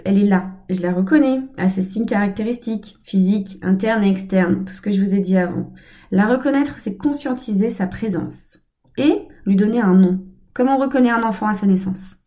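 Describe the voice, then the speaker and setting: A woman speaking in a calm, measured way about personal growth. Her voice is mellow and warm, and her pitch sits in the middle. She builds her points from short, repeated phrases. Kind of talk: reflective self-help talk.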